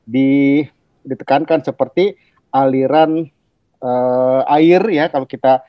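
A man's voice: medium pitch, fairly even intonation, slow, no room sound. Middle-aged male specialist, explainer tone, homely examples, hesitant restarts; dry, muffled recording. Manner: explanatory, uses everyday analogies and sound words. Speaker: guest doctor, internal medicine specialist. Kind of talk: explaining to podcast hosts.

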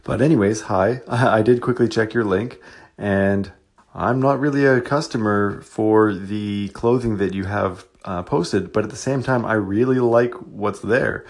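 A man's voice: fairly low pitch, moderate pace. A man and fellow podcaster leaving a casual voice message, slightly hesitant.

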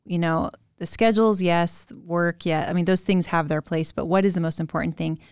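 Smooth-voiced woman hosting a faith podcast. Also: lowish voice, fairly even intonation, fairly quick, no echo, studio quality. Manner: warm, encouraging, chatty with fillers. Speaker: podcast host.

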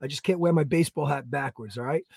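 A man, co-hosting a podcast in energetic, rambling casual chat. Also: fairly high pitch, fast talker, vocal fry, slightly rough, dry recording, clean studio sound. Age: 30s. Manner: energetic, rambling, plugs products. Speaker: podcast co-host.

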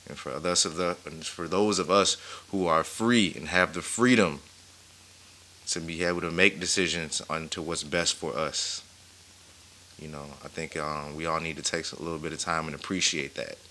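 A man's voice: very deep voice, fairly even intonation, normal speed, bright, forceful tone, a little hiss or hum. A man co-hosting a podcast, backing up his partner and then speaking at length in an encouraging, preachy way. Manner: supportive, affirming, preachy at length. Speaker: podcast co-host. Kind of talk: casual chat.

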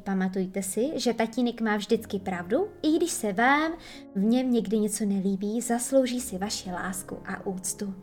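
Female storybook narrator; playful and bright, light music bed under the voice. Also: fairly high pitch. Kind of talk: audiobook narration.

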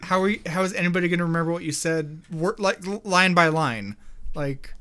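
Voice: mid-range voice, fairly quick, sharp tone, clear, resonant tone. A young co-host on a gaming podcast over a voice call, rambling and hedging with lots of "like". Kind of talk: casual gaming chat.

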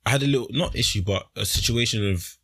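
A man's voice: mid-range voice, quick pace, fairly bright tone, slightly rough, dry recording. A young man with a London roadman accent, chatting casually as a podcast host in slangy street talk. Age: young adult.

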